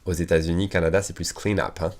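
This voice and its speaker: French guy teaching english online, low voice, says the english bits slow with an american accent. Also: little pitch movement. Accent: American English when speaking English. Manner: slow deliberate English examples, quick French explanations. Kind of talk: online language lesson.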